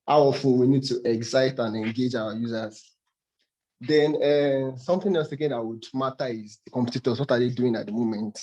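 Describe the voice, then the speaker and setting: A man's voice: mid-range voice, a little mellow, low-quality recording. A man answering a question in an online class, out of breath and hesitant with filler words. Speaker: student.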